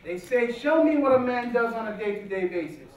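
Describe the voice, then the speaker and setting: Male stage orator, rehearsed and deliberate formal speech, measured phrases, recorded in a very echoey auditorium from a distance. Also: very high-pitched, expressive, darkish tone, highs cut off. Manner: deliberate, rehearsed-sounding delivery in short measured phrases with dramatic pauses. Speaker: guest speaker at a speech competition. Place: large auditorium stage, indoors. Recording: very echoey hall, distant, faint noise.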